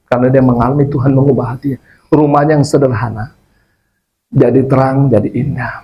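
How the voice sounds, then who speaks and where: A male pastor giving a storytelling sermon and then leading a spoken prayer, earnest and plain, with pauses. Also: medium pitch, fairly even intonation, highs cut off. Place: workplace worship service.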